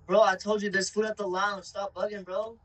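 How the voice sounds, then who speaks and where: Young man playing a loud, brash teasing friend. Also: high-pitched, flat delivery, fairly quick, a little hiss or hum, rough recording. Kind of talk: amateur youth drama acting.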